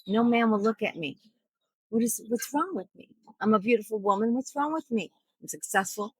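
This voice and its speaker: A woman's voice: medium pitch, a little fast, husky, no echo, pitched above the performer's own voice, natural voice, low-quality recording. A woman voicing a vain, desperate middle-aged woman who asks pleading questions.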